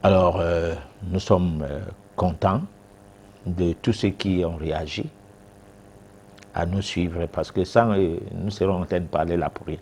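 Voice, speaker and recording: A man's voice: low-pitched, steady tone, a little slow, darkish tone, slight background noise. A man, a guest expert on a TV talk show answering viewers' questions, hesitant with many fillers and restarts.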